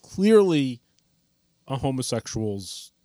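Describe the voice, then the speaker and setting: A man's voice: mid-range voice, very animated, takes it slowly, dark tone, no room sound. A man co-hosting a comedy podcast, chiming in with wry, dry asides. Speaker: podcast co-host. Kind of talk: sarcastic comedic commentary.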